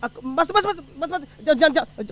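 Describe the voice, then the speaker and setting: A man playing an exasperated village uncle who scolds and blusters quickly. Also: very high voice, animated, fairly bright tone, heavily acted.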